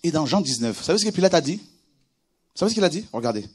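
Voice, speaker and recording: Guy preaching a sermon, high voice all over the place, loud then hushed. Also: fast, breathy edge. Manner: animated preaching, swings from hushed reading to shouts. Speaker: pastor.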